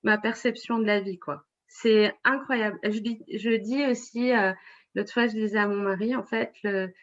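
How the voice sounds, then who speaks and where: A woman's voice: medium pitch, steady tone, normal speed, lo-fi sound. A woman in her forties, a web writer and blogger, talking in an interview with many fillers and restarts. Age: 40s. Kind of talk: casual interview.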